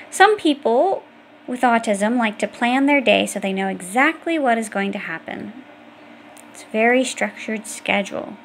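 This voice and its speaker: A woman audiobook reader reads an educational children's book aloud, explaining things directly to young listeners. Her voice is on the high side, with slight background noise.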